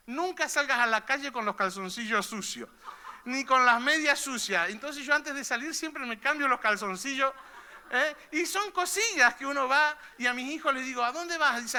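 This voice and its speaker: High bright-voiced male pastor preaching. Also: smooth. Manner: conversational preaching, frequent "¿eh?" tags. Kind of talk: sermon. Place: church hall.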